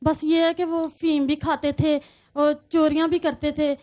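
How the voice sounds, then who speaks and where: A woman, a guest in a TV studio, recounting her own story in a halting, fragmented way, often repeating herself. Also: sits high, flat delivery, a little mellow. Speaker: guest on talk show. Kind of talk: recounting personal story in interview.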